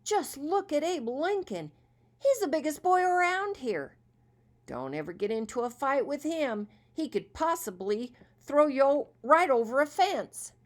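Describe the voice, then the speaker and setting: Casting: a woman doing a bunch of wide-eyed farm boys, high and exclaiming. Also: unhurried. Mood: awed. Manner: excited and exclaiming. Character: awed, boastful group of farm boys. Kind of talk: storybook reading.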